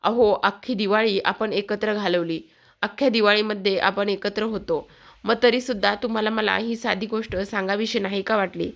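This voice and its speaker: A woman's voice: mid-range voice, fairly even intonation, moderate pace, creaky, natural voice. A woman reading an angry hurt husband. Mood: reproachful. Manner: reproachful, pressing questions.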